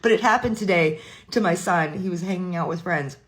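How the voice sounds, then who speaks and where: A man's voice: high-pitched, fairly quick, a bit bright. Laughing, chatty man telling family stories. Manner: laughs often, chatty, lots of filler likes. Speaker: commentary host. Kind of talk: casual storytelling.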